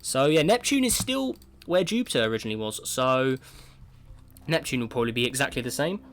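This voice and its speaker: A gaming video creator with a cold and a sore throat chats casually about a space simulation game in a mid-range, slightly bright voice. He's very animated and brisk, thinking aloud and often opening with "right, so."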